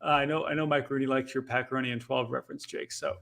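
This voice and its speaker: A man co-hosting a casual talk show, laughing often and talking in a brisk, playful way. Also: mid-range voice, steady tone, gravelly, a bit bright. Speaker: co-host. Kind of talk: casual chat.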